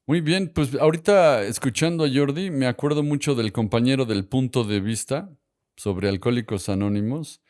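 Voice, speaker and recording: A man's voice: medium pitch, normal speed, darkish tone. A man hosts a conversational discussion, posing questions to his guests and reflecting aloud. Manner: moderating, poses questions to guests. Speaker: podcast host.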